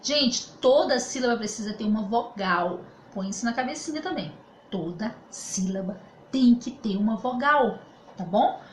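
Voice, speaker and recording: A Brazilian woman with a fairly high, animated voice gives a remote grammar lesson from a room at home during quarantine, speaking with a Brazilian Portuguese accent. She explains patiently, often pausing to check that students follow, as her voice bounces around the roomy space over a faint hum.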